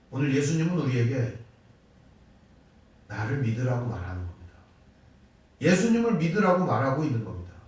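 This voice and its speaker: A male pastor preaching a Wednesday sermon, asking rhetorical questions and acting out quoted lines with big swings in pitch and loudness, recorded in a church sanctuary. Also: recorded from a distance. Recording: very echoey church hall, voice from off-mic.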